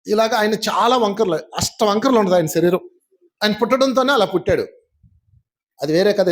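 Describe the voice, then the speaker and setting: A man giving a spiritual class, telling stories in a lively way and putting questions to his audience. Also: high-pitched. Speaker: spiritual teacher.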